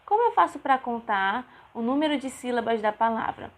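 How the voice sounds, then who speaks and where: A woman's voice: fairly high pitch, lively intonation, fairly quick. A woman teaching young children in a recorded lesson, with a patient sing-song way of breaking words into syllables. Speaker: primary school teacher.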